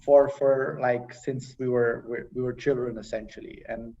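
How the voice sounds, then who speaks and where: Halting young man on a muffled video call. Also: mid-range voice, fairly even intonation, dark tone. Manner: halting, many fillers and restarts. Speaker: panel guest. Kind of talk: casual conversational sharing. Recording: dull distant video-call audio.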